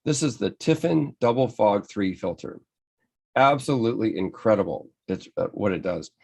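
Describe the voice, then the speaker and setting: Gravelly-voiced American man presenting. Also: lowish voice, animated, moderate pace, darkish tone. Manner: enthusiastic, conversational, many restarts. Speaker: photography presenter. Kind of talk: slide-based club lecture.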